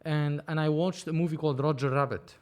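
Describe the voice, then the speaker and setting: A Lebanese film producer in his 30s, whose voice is a little higher than most men's, tells his story as a podcast guest. He talks briskly in animated, rambling chat, often restarting sentences.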